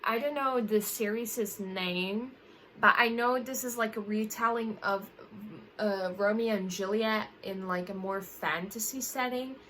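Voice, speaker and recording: A woman's voice: medium pitch, unhurried, a bit bright, slight background noise, poor audio. Rambling young woman book vlogger. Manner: rambling, with frequent self-corrections and fillers. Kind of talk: casual chat to camera.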